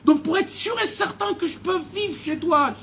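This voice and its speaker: God, loving and mighty, speaks in slow, raised, solemn declarations, as a male teacher puts him on in a religious lesson. The voice sits high and carries over faint background noise. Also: creaky, sharp tone, exaggerated voice.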